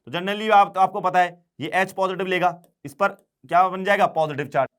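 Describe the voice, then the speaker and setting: A man teaching chemistry exam problems, urging students along with quick repeated questions and answers. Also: sits high, fairly even intonation, clean tone. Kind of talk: exam problem-solving lesson.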